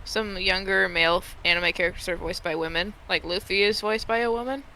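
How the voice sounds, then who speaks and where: A woman's voice: mid-range voice, steady tone, brisk, bright, forceful tone, low-quality recording. A woman chatting casually as a guest on a stream call, informal, rambling and blunt. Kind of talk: casual chat. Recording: faint noise on a call.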